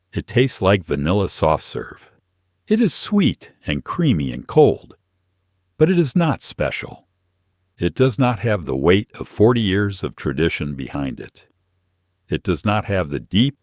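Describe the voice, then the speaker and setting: A man reading a scripted documentary narration in short, measured, declarative sentences. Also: low-pitched, no echo, studio quality.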